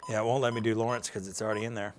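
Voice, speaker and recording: Talking very fast in a level, lowish voice over background noise, this American man demonstrates weather radio programming live. His explanation is informal and folksy, improvised as he thinks out loud.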